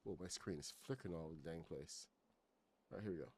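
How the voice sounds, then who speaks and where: Low-voiced man rambling while streaming. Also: quick pace, husky. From Barbados. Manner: rambling, filler-heavy, greets chat loudly. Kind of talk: casual gaming livestream chat.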